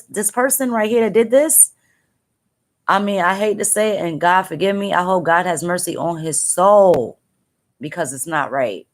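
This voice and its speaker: A tearful mother talking to viewers on a livestream, halting and repeating herself as she speaks, upset and angry. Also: low voice. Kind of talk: emotional live-stream talk.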